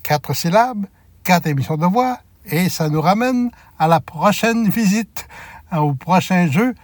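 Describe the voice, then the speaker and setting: A man with a slightly high voice hosts a family quiz at a very unhurried pace. He lingers on each answer and stretches out key words. The sound is dry and close. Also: animated, dry recording. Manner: spells out answers slowly, drawing out key words. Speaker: host of a family quiz segment. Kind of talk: slow, deliberate quiz hosting.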